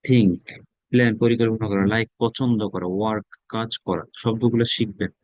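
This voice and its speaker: A man's voice: on the low side, steady tone, a little fast, a little mellow, no echo, muffled recording. A man with a Bangladeshi accent teaching a spoken English class. He drills words aloud and repeats them. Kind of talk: classroom lesson.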